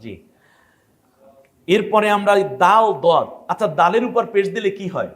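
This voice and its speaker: A man's voice: high-pitched, very animated, measured pace, a bit bright. Bangladeshi man teaching Quran letters. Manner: asks the class questions and demonstrates letter sounds. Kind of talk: Quran pronunciation class, teaching to a group.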